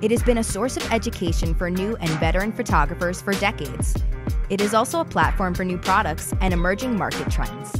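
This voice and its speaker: A woman narrates a documentary in a measured, formal way, her voice sitting low. Loud music plays underneath the whole time.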